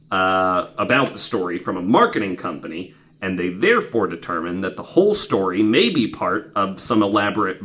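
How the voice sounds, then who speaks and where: A podcast host tells stories casually to his co-hosts in an informal, wryly skeptical manner, swearing now and then. His voice is lowish and a bit bright.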